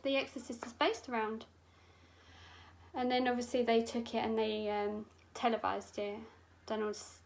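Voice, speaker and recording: A woman's voice: fairly high pitch, rough recording. A young woman, a makeup artist, telling a story in a chatty, sweary, dramatic way while doing her makeup.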